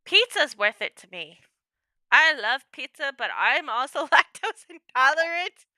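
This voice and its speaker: A woman's voice: high-pitched, big pitch swings, measured pace, sharp tone, no echo, studio quality. A young adult woman chatting casually with viewers on her livestream, playful and laughing often.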